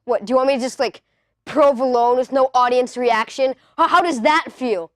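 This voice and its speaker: A woman's voice: high voice, normal speed, dry recording, clean studio sound, natural voice. A woman playing an awkward young male stand-up comic who keeps pushing his puns and begging the crowd for laughs. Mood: awkward joking. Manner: flustered, pun-heavy, needy for laughs. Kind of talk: comedy sketch.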